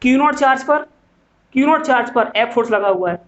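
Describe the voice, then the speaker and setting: A man's voice: extremely high pitch, lively intonation, a little fast, a bit bright. Guy teaching a physics class, keeps asking and answering his own questions, kinda muffled recording. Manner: asks and answers his own questions, calls students "beta". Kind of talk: classroom lecture. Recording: dull lo-fi sound.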